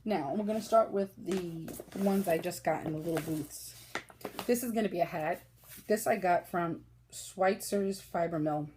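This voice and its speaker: A woman's voice: fairly low pitch, moderate pace, mellow, slight background noise. A woman from Brooklyn with a New York accent, hosting a casual yarn haul chat, chatty and gushing, often laughing. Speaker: knitting podcast host.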